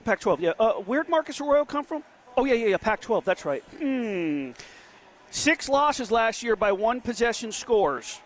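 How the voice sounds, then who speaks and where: High-voiced man on sports radio. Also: very animated. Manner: emphatic, rapid-fire opinions. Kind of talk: sports betting talk radio. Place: casino sportsbook studio.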